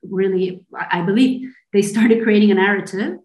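A young adult woman from Argentina talks earnestly about her work, stumbling and restarting as she searches for words. Her pitch sits in a middling range for a woman. The recording carries a noticeable roomy echo. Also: darkish tone. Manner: earnest, halting with frequent restarts and laughs. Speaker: interview guest, filmmaker. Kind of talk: conversational interview.

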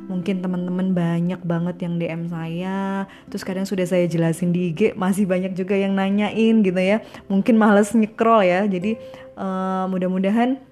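A woman's voice: on the low side, mellow. A woman talking casually to her followers about her recovery routine, acting out little quoted exchanges as she goes. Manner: chatty, acts out small quoted exchanges. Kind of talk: casual personal talk to followers.

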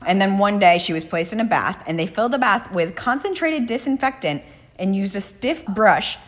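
A woman's voice: mid-range voice, expressive, normal speed. A woman hosting a true crime podcast, telling the case in a casual, blunt way with frequent swearing. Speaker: podcast host.

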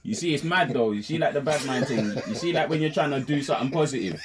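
Young male, medium pitch, very varied intonation, slangy explaining, faint background noise. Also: animated, quick pace. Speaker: show co-host. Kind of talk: casual chat.

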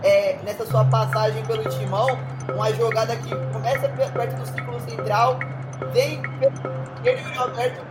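A man's voice: extremely high pitch, level tone, normal speed. A Brazilian man working as a football analyst, recapping a goal step by step in unscripted sentences. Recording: echoey, music behind.

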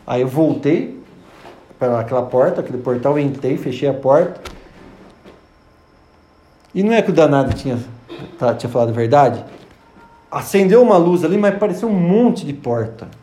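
Male preacher, sermon testimony, animated storyteller; mellow high voice, echoey room. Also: moderate pace, pauses often. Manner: animated storytelling, acting out dialogue.

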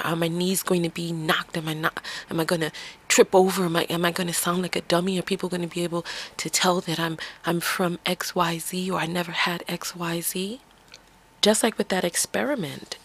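Earnest Bronx-born woman, low voice. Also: a bit bright. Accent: slight New York. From the Bronx, New York. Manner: earnest, coaching, asks many rhetorical questions. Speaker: podcast host. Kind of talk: reflective solo monologue.

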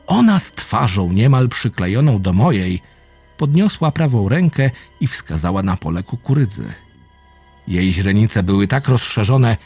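Low husky man reading horror. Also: a little mellow. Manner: low, intense storytelling with dramatic swings. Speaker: narrator. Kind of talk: reading a first-person horror story. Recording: faint music behind the voice.

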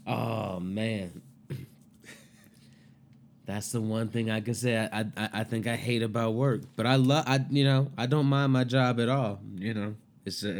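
A man's voice: lowish voice, a little hiss or hum. A young man co-hosting a casual podcast chat, loose and profane, often breaking into laughter between phrases. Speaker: podcast co-host.

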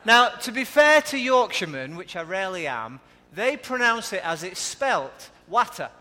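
Lancashire male preacher, conversational, high and forceful, live in a reverberant church. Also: big pitch swings, normal speed. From Lancashire, England. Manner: conversational, asks the audience questions. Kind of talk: live sermon. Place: church hall.

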